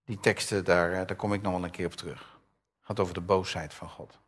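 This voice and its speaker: Low and breathy-edged, the older man's voice is flat in delivery and fairly quick. He preaches conversationally, asking the congregation questions and reading scripture aloud with a raised voice.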